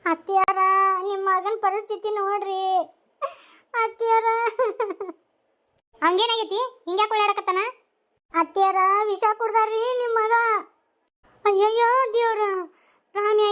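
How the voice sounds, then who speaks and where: A woman's voice: extremely high pitch, fairly even intonation, moderate pace, fairly bright tone. A woman voicing a wailing village wife and a grieving mother-in-law in a cartoon, lamenting with a North Karnataka Kannada accent. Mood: distraught. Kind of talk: cartoon voice acting.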